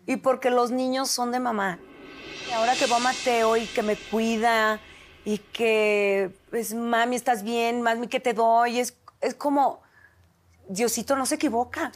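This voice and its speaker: A woman in her forties with a Mexican Spanish accent, a TV host lively and expressive as she tells a personal story, acting out the remembered dialogue. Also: a little high, slight background noise.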